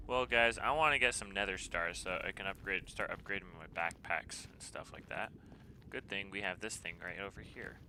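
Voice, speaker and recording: A man in his twenties from the United States, casually streaming a game and answering chat messages in a relaxed way. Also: low voice, normal speed, a little hiss or hum. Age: 20s. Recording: game music playing behind the voice. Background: background music.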